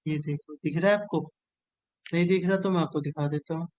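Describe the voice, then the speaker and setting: A man's voice: a little high, steady tone, a little fast, darkish tone, lo-fi sound. A man teaching an exam-strategy lesson, repeating key phrases again and again in a coaxing way. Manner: repetitive, drilling phrases over and over, coaxing.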